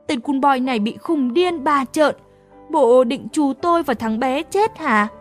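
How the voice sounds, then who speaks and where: Woman narrating a story, slightly high voice. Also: a little slow, soft background music. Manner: lively, exasperated comic storytelling. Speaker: audiobook narrator. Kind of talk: first-person storybook narration.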